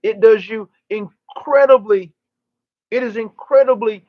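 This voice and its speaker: A man with a high voice delivers channeled teaching in the manner of a seance medium. He speaks in oratorical, formal phrases, repeating himself and pausing deliberately for emphasis. The recording is dull and dry, with little room sound. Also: no room sound. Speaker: channeler giving a live session.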